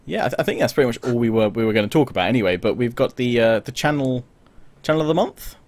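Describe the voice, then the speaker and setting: A man's voice: mid-range voice, expressive, fast talker, darkish tone, no echo. A man co-hosting a casual gaming podcast over a video call, rambling with lots of restarts and fillers. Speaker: podcast co-host. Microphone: webcam video call.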